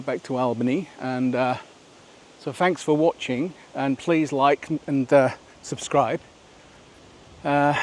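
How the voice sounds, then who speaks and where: Man, mid-pitch, rambling walking-vlog narrator, outdoors on a trail, faint nature ambience behind. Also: slight background noise. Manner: chatty, rambling, asks viewers questions. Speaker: vlogger.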